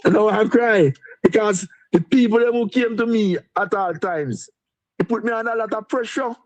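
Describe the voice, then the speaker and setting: A man's voice: high-pitched, moderate pace, a little mellow. A man with a Jamaican accent, a deputy mayor being interviewed, talking in a repetitive, rambling way and chuckling. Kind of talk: interviewed on a live stream.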